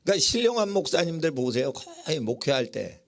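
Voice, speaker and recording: A man's voice: fairly high pitch, big pitch swings, brisk, creaky. A male pastor giving a sermon in a church, emphatic, often asking the congregation questions and answering them himself. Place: church sanctuary.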